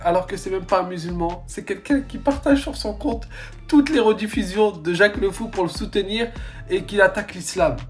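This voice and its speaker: A man giving an accusatory exposé monologue, insistently pointing things out to viewers. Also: fairly high pitch. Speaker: influencer.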